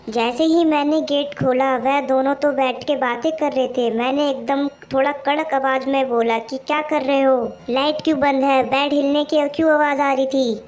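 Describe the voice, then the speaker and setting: A woman's voice: sits high, a little mellow. A woman narrating a first-person story in a plain, confiding way.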